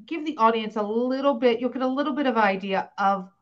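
A woman hosting a podcast in casual chat, talking in a chatty, animated way with many fillers. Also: fairly high pitch, a little fast. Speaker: podcast host. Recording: slightly dull podcast audio.

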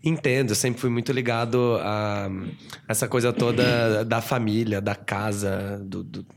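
A man telling a personal story in a casual podcast chat, animated and chatty, tossing in tag questions. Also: lowish voice, measured pace, vocal fry. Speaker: guest storyteller.

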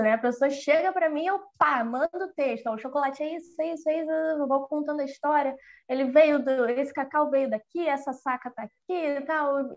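High-voiced woman telling stories animatedly. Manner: storytelling, animated, fillers. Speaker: chocolate maker, podcast guest. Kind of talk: casual conversation. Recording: slightly dull, lo-fi sound.

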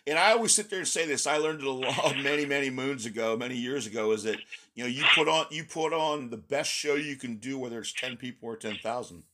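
A male podcast host chats loosely, his voice still scratchy as he recovers from laryngitis. He rambles and restarts his sentences often. A clear hiss of noise sits under the recording. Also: medium pitch, fast talker, few pauses. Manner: rambling, many restarts, laughs easily. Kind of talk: casual interview chat.

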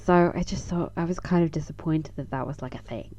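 A low-voiced woman co-hosts a casual book-club podcast. She talks in a chatty way, trailing off and leaning on "like". The recording sounds dull and lo-fi. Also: fairly quick, mellow. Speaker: podcast co-host.

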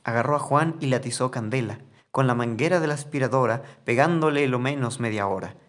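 A man narrating a rhymed comic story in a playful, expressive way. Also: mid-range voice, a little fast.

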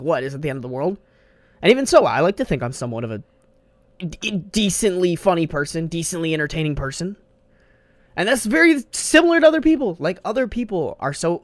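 This is a solo podcast monologue from a young male host, his fairly high voice captured dry on a desk-mounted studio mic. The talk is loose and rambling, packed with slang and profanity, and "bro" comes up constantly.

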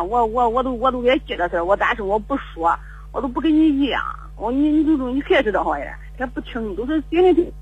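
A woman's voice: fairly high pitch, fairly bright tone, slightly rough, dull audio. Rambling, stammering older woman caller. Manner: rambling, repetitive, stammering restarts. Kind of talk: call-in radio chat. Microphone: phone call.

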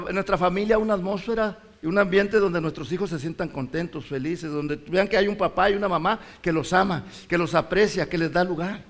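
Middle-aged male pastor, high-pitched, impassioned sermon delivery. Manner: impassioned, rises to shouts and drops low.

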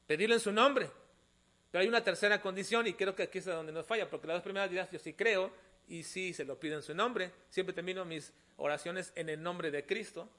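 A man preaching a sermon, calling his listeners brothers and moving between quiet explanation and emphatic appeals. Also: high-pitched. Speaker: pastor.

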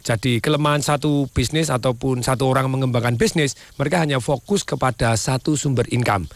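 A middle-aged man, a business owner, telling folksy, animated stories in casual talk. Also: mid-range voice, brisk, vocal fry, dry recording.

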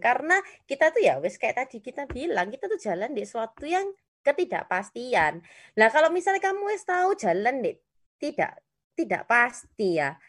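A young woman gives a casual, rambling devotional talk, full of fillers and acted-out quotes. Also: on the high side. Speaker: youth devotional speaker.

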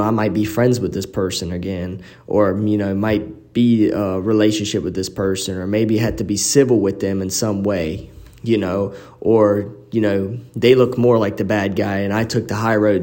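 A man with a lowish, very mellow voice tells personal stories as a podcast host. His talk is informal and slangy. He records on a phone in an apartment living room, so the room's reverb echoes around his words. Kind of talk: casual personal storytelling.

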